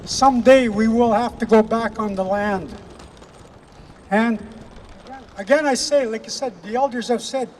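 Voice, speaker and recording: A man from Canada delivering an impassioned speech at an outdoor rally, emphatic and repetitive, slowing down to stress key phrases. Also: extremely high pitch, a little mellow, big-room sound, slight background noise. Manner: emphatic, repetitive, with slow weighty pauses. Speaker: rally speaker.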